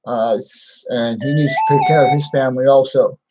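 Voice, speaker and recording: A man speaking without his teeth in a halting, plain-spoken way, repeating himself as he chats casually on a live stream. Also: mid-range voice, steady tone, over loud music, poor audio. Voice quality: toothless, slightly slurred speech without dentures. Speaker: livestream host.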